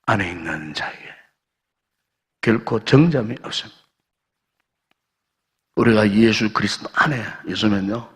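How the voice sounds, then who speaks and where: A male pastor preaching a sermon, swinging between loud exhortation and soft low asides while asking the congregation questions. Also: husky, in a large hall. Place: church sanctuary.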